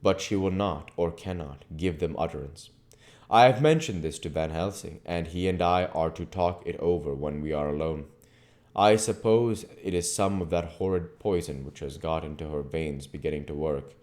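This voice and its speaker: An amateur audiobook reader gives a measured, formal reading of a classic novel in a rumbling low, somewhat mellow male voice.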